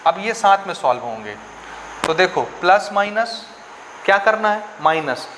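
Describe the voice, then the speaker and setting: A man from India teaches a maths lesson in a fairly high voice. He walks through each step, repeats key rules and keeps asking his students questions. A faint background hum sits under the recording. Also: sing-song, normal speed. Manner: repetitive, questioning, checks understanding often. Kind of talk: classroom lesson explaining step by step.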